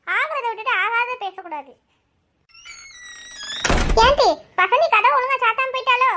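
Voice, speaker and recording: A woman's voice: extremely high pitch, normal speed, pushed and bright. A woman voicing an older cartoon mother who scolds firmly and comforts her family. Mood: firm, comforting. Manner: firm, scolding yet comforting.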